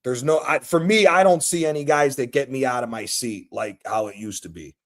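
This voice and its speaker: A man's voice: mid-range voice, a little fast. A man in his thirties hosting a casual sports chat, laid-back and swearing freely, repeating his points. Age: 30s. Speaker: show host.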